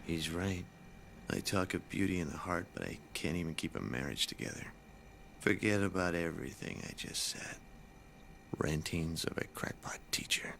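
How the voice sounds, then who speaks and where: High, theatrical, impassioned math teacher. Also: male voice, sing-song, normal speed, bright, forceful tone, a little hiss or hum, full character voice. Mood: solemn, dejected. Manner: theatrical, earnest. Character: passionate, idealistic male math teacher, prone to despair. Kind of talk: dramatic dubbed lecturing.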